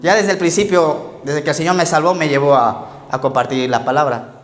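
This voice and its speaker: Un pastor que predica un sermón contando anécdotas, hace preguntas a la congregación y se ríe de sus propios chistes. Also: male voice, on the high side, moderate pace. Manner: storytelling, asks the congregation questions, laughs at his own jokes. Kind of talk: sermon. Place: church hall. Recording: echoey church hall with faint music.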